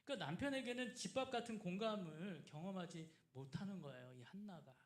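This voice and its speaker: A man's voice: sits high, a little fast. A male pastor preaching a sermon, asking the congregation questions and acting out the people in his story. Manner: acts out quoted people in lively asides, asks the congregation questions. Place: church sanctuary. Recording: roomy church echo.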